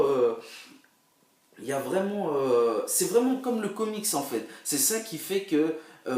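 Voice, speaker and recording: Rambling man in a roomy echo. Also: mid-range voice. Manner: rambling, hesitant with many fillers, bursts of excitement. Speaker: film reviewer vlogger. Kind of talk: casual film review monologue. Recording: roomy echo, a bit far from the mic.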